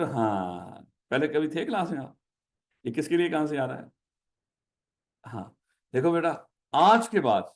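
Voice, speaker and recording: High-voiced Pakistani male lecturer. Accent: Pakistani Urdu. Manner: addresses students as "my child", repeats questions for drilling. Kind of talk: classroom lecture.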